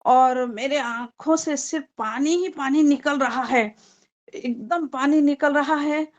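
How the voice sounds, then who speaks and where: A woman giving a heartfelt spoken testimony at a church fellowship. She talks earnestly and gratefully, with frequent filler pauses, and grows excited as she tells her story. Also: high voice, highs cut off. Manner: earnest, thankful, often pausing with fillers; grows excited and loud when retelling a vision.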